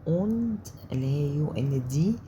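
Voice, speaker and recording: Egyptian lady teacher, low mellow voice, says each sound over and over, bit of noise behind. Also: animated. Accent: Egyptian Arabic. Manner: slow repetitive letter drilling. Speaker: German teacher. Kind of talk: spoken language lesson.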